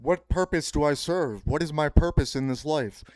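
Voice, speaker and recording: Speaking at a moderate pace in a fairly high, slightly mellow voice, a solo podcast host rambles through a lofty pseudo-philosophical monologue, repeating and circling his own phrases and suddenly cursing. There is no echo.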